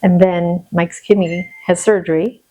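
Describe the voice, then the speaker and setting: A woman from the Seattle area telling a personal faith story in casual conversation, animated and acting out her own prayers. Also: fairly low pitch, measured pace, rough recording. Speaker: podcast guest.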